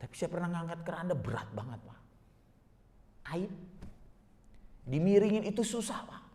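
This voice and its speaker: A man's voice: high voice, big pitch swings, moderate pace, mellow, long reverb tail. A man giving a religious lecture, telling vivid stories and constantly addressing his listeners as sir. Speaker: religious teacher.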